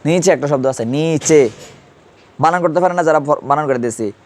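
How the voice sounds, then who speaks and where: A male Urdu grammar teacher fires off repeated quiz questions at his class in a rapid-fire delivery, his voice on the high side.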